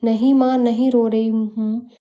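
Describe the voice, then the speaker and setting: An unhappy young married daughter, as a woman storyteller puts her on, hesitant and troubled. The voice is slightly high and mellow, and the recording sounds dull and lo-fi. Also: level tone, unhurried, lightly acted. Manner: hesitant, denying then pouring out.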